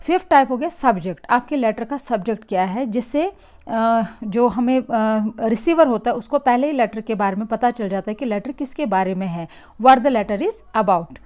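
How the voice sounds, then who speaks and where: Hindi-speaking woman teacher, slightly high voice. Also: expressive, darkish tone. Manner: mixes Hindi and English, slow deliberate English phrases, frequent "theek hai" checks. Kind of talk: classroom lesson explaining slides.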